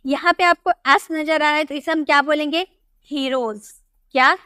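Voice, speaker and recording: A woman's voice: high voice, fairly even intonation, moderate pace, sharp tone, dry recording, clean studio sound. A woman teaching English pronunciation rules step by step, repeating words and quizzing the viewer. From India.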